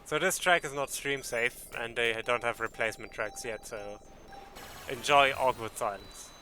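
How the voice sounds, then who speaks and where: A man's voice: medium pitch, normal speed, sharp tone, slight background noise. A man streaming a game and chatting offhand to his viewers over a livestream headset, in a wry, casual way. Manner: offhand, wry, talks to chat while playing. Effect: livestream headset audio.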